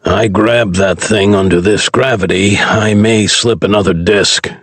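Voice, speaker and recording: Male narrator voicing a gruff aging soldier in a sci-fi audiobook, sarcastic grumbler, husky. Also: lowish voice, steady tone, a little slow, fairly bright tone, dry recording, exaggerated voice.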